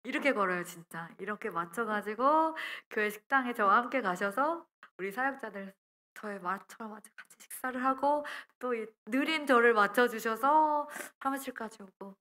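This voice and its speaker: A young woman preacher giving a testimony sermon, telling her story in a lively way and acting out her own words. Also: on the high side, normal speed.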